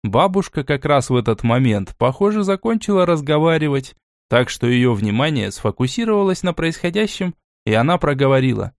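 A man reads a first-person fantasy audiobook in an even, steady narration. His voice sits somewhat high for a man. The sound is dry and close, with no room echo. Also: fairly quick.

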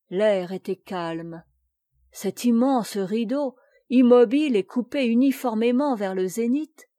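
A woman narrating a classic tale as an audiobook reader, reading in a slow, measured way and voicing the dialogue. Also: on the high side, warm tone, no echo, clean studio sound.

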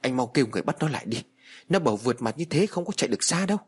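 A man doing a sharp-tongued young wife. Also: medium pitch, very animated, rapid-fire, breathy edge. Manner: sharp, accusing.

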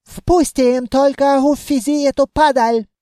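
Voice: sits high, fairly even intonation, a little slow, warm tone, no echo, studio quality, voice pushed up. A reader voicing a haughty elf officer with a foreign accent. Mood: shouting. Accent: put-on foreign accent, v spoken as f. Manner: barked curt commands. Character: haughty male elf officer guarding a gate. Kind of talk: audiobook reading.

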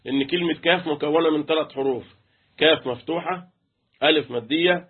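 In an interactive tajweed class, a man with an Egyptian accent chants letters and quizzes students on how to recite the Quran. His voice is on the high side, slightly rough and fast, coming through a tinny phone-like line.

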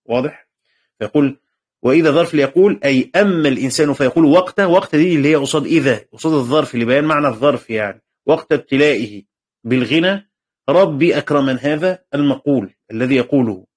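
A man's voice: a little high, fast talker, husky. A man with an Egyptian Arabic accent teaching a text commentary in class. He reads formal passages, explains them in colloquial speech, repeats key phrases and keeps checking that his students follow. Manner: shifts between formal reading and colloquial explanation.

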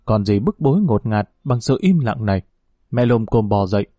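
A man narrating a war story in steady, storytelling audiobook style. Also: on the low side, moderate pace, no echo, studio quality.

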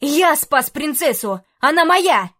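A woman voicing a proud, brash young male knight who shouts defiantly. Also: fairly high pitch, normal speed, natural voice.

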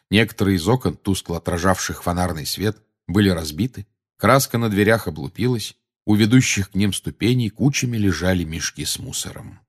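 A man narrating an audiobook in a measured storytelling manner. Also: low voice. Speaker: audiobook reader. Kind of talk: scripted narration.

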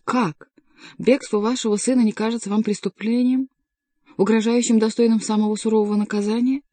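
Hysterical raging king, read by a woman, shrill and pitched up, dark dry voice. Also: steady tone, a little fast, dry recording, lightly acted. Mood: aggrieved. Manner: shrill, overwrought outbursts. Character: hysterical, raging male king, middle-aged.

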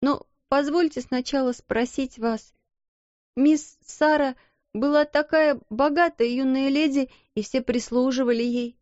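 A timid, tearful young scullery maid pleads in a high, trembling voice, stumbling over her words, as a woman reading a storybook puts her on. The sound is muffled and dry, with no room around it. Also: fairly even intonation, unhurried, a little mellow, no room sound. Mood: tearful pleading. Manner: pleading, tearful, breathless apologies. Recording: dull, dry lo-fi recording.

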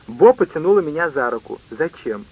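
Man narrating an audiobook, higher voice. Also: animated, normal speed, dry recording, low-quality recording.

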